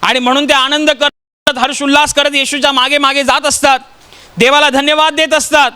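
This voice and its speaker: A man from Maharashtra, India, preaches a sermon in a very high-pitched, sharp voice, brisk and flat in delivery. He tells stories and poses rhetorical questions to the congregation.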